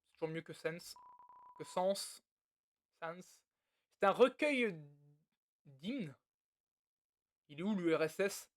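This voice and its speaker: Playing a video game, this man reads its text out and mutters crude jokes on the side, in the casual style of a let's play host. His voice sits high with lively intonation, and he talks slowly with frequent pauses.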